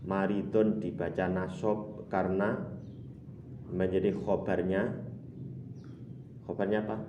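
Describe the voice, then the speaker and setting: A man's voice: low-pitched, level tone, slow, lo-fi sound, background noise. A man teaching a morning kitab lesson at a boarding school, chanting Arabic and then glossing it word by word. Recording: roomy hall, distant mic, faint ambience.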